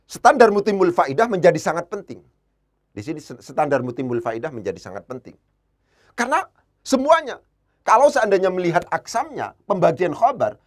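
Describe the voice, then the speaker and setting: In a classroom lesson, a man with a slightly high voice teaches Arabic grammar, repeating key phrases and slowing down to spell out Arabic words.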